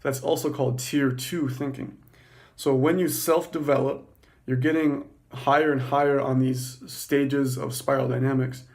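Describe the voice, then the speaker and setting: Excited man riffing on philosophy. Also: medium pitch, creaky. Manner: excited and fast-talking, with restarts. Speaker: podcast host. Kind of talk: casual spoken monologue on philosophy.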